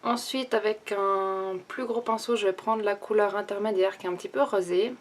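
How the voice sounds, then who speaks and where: A young woman talking casually through a makeup tutorial and review, thinking aloud with many pauses and restarts. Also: medium pitch, fairly even intonation. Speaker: beauty vlogger.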